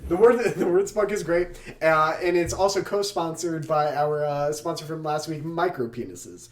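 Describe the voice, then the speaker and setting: A man's voice: a little high, normal speed, echoey room. A young man co-hosting a podcast, chatting casually and reading out joke sponsor plugs. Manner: jokey, mock-announcer asides. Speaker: podcast co-host. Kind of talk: casual chat.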